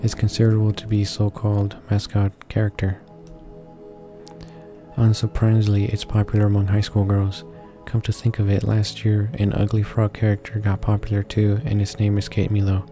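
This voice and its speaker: In a casual gaming video, a man with a fairly low voice reads a visual novel aloud, adding his own asides. He sounds extremely flat and somewhat halting, tripping over words and correcting himself. Music is clearly audible behind him.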